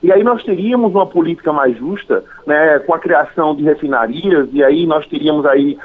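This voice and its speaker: A Brazilian man calling into a radio show over the phone, speaking in a formal, measured way and listing points one by one. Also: a little high. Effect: phone-line call into a radio show. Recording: tinny phone line.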